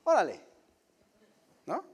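A middle-aged man, a pastor giving a lively, conversational sermon full of rhetorical questions. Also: takes it slowly, in a large hall.

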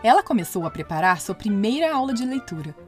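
A woman narrating a children's fairy tale in an expressive, playful way. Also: medium pitch, fast talker. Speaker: storyteller. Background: soft music.

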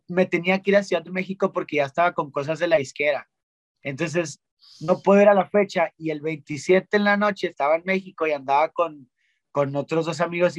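A young man from Monterrey, telling stories as a guest in a casual, slangy, animated way with lots of restarts. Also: fairly high pitch, dry recording. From Monterrey, Mexico. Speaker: guest singer-songwriter. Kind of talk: casual interview chat.

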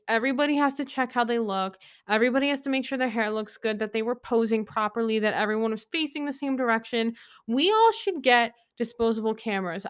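A woman's voice: a little high, fairly bright tone. A woman in her twenties hosting a solo podcast, rambling through opinions in a chatty, candid way with lots of fillers. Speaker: podcast host.

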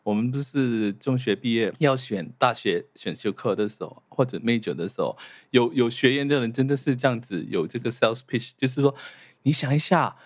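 A man's voice: medium pitch, a little fast, no room sound, clean studio sound. A man hosting a podcast, asking questions in a casual conversational way and mixing English words into his speech. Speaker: podcast host. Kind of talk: casual interviewing.

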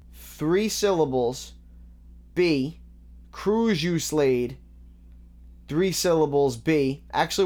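A man's voice: a little high, darkish tone. A man with a slightly raised voice talks through rap lyrics in a casual, analytical way. He works methodically, bar by bar, and often stops on an um or restarts a phrase. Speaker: music reaction host.

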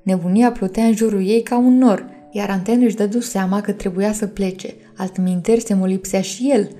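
A woman narrates a bedtime story in a gentle, mellow voice with a dark tone. She reads steadily, speaking warmly to her listeners. Faint music plays behind her. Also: mid-range voice, steady tone. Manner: gentle, addresses listeners as dears.

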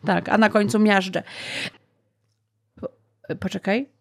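A woman co-hosting a casual chat, chatty and lively. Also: mid-range voice, slow pace, vocal fry.

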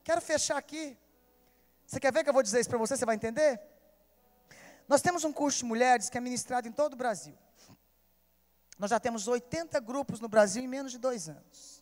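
A Brazilian woman pastor preaches with a high, bright-pitched voice, swinging between loud, urgent appeals and hushed, tender storytelling. Her voice rings out through an echoey hall with a long reverb tail. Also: fairly quick, long pauses. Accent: Brazilian Portuguese. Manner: emotional storytelling, calls out to listeners. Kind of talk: sermon.

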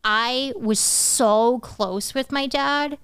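A woman in her thirties, a podcast guest, telling a personal story in a lively, quick way. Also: sits high, clean tone, no echo. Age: 30s. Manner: animated, quick-talking, breaks into laughs. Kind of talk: casual storytelling.

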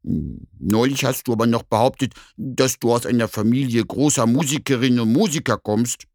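A man voicing a grumpy but good-natured bear in a children's story, with a slow, grumbling manner. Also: mid-range voice, a little mellow, dry recording, studio quality, lightly acted. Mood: calm.

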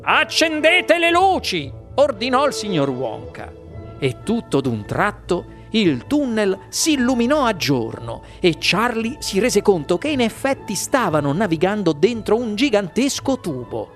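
A man reading a children's story aloud as an audiobook narrator, in an animated, expressive way. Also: high-pitched, unhurried, soft background music.

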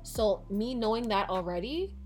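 Calm easygoing young woman. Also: medium pitch, moderate pace, soft background music. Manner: easygoing, calm, filler-heavy. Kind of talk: casual chat.

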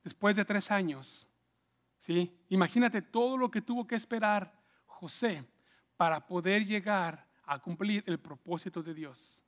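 High-voiced man preaching slowly. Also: fairly bright tone. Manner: conversational, asks "¿sí?" often, acts out quotes. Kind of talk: sermon storytelling.

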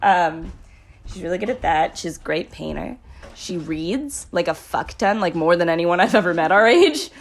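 A woman's voice: lowish voice, expressive, moderate pace. A young woman hosting a podcast in casual chat, rambling and swearing, often giggling as she introduces friends. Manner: giggly, breaks into laughter often. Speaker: podcast host.

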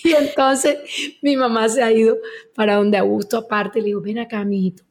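A woman's voice: a little high, normal speed. A Colombian woman in her sixties, a guest telling a wedding story in casual chat, acting out the people she quotes. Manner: animated anecdote teller, acts out quoted voices.

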